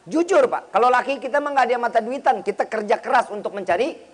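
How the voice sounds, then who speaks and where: Animated and fast-talking, a man with a very high voice gives a humorous sermon in which he teases his listeners, uses slang, and acts out quoted exchanges.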